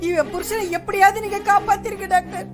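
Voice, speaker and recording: A woman's voice: very high voice, fairly even intonation, fast talker, music in the background. An actress playing a desperate middle-aged mother, crying and pleading with a doctor. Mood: tearful pleading. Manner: wailing, pleading. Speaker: mother of a sick man's daughter, pleading.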